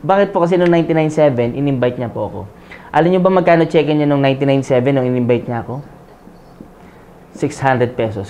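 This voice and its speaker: A man's voice: fairly high pitch, a little mellow. A man from the Philippines in his forties, telling his own story in a motivational sales presentation, often checking with the audience and slipping in jokes. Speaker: business presenter. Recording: dull lo-fi audio.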